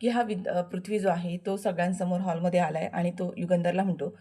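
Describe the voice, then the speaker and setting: A woman's voice: fairly low pitch, fairly even intonation, brisk, warm tone. A woman narrating a television serial recap in a chatty voice-over, speaking directly to her listeners.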